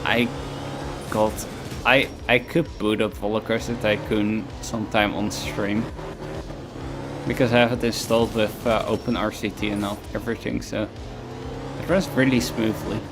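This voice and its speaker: A man's voice: lowish voice, level tone, normal speed. A man streaming a game from home, chatting casually in a rambling, self-mocking way that often trails off. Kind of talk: casual chat while gaming. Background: game music.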